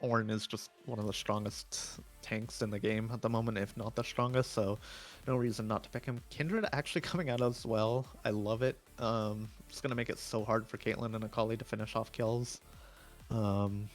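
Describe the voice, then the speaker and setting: A man breaks down a live esports draft in a loose, chatty way, full of fillers. His voice is going hoarse. Faint music plays behind him. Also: on the low side, fairly even intonation, moderate pace. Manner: chatty, opinionated, many fillers. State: losing his voice. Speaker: esports analyst.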